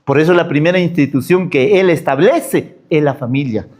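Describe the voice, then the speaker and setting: A man's voice: on the high side, moderate pace, a little mellow. A man preaching a sermon as pastor, full of rhetorical questions.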